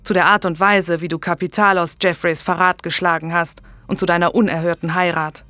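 A stern medieval lord barks orders in a gruff, commanding tone, voiced by a woman reading the audiobook. The sound is dry and close. Soft music plays faintly underneath. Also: on the low side, level tone, brisk, dry recording. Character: stern angry medieval English lord, older man.

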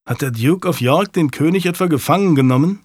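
A man's voice: fairly high pitch, fairly quick, a little mellow, slightly rough, no room sound, studio quality, voice pushed up. A man doing an earnest young nobleman. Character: young nobleman, eager and uneasy.

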